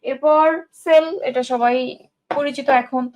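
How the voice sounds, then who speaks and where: A woman's voice: high voice, fairly even intonation, unhurried, a little mellow. A young woman teaching an online English class, asking questions and answering them herself as she drills word forms.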